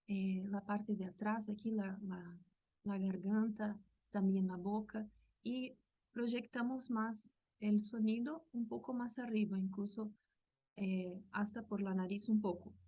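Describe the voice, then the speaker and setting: A woman's voice: mid-range voice, dark tone, husky. A woman from Brazil with a Brazilian Portuguese accent, a native Portuguese speaker, patiently explaining sounds in a language lesson and modelling each one aloud. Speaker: language teacher.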